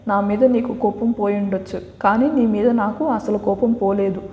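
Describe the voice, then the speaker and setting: A woman's voice: mid-range voice, fairly even intonation, normal speed, lo-fi sound, natural voice. Feisty sulking young wife, read by a woman. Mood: sulky. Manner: sulky retorts. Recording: echoey room with long reverb.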